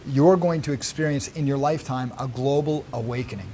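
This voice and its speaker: A man quoting a gentle feminine plant spirit in his own voice, soft, patient and solemn. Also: mid-range voice, brisk, a little hiss or hum, lightly acted.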